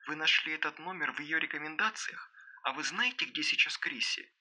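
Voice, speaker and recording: A man voicing a frightened teenage girl on the phone, speaking in a hushed, shaken near-whisper. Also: fairly high pitch, lively intonation, a little fast, voice pushed up, exaggerated voice.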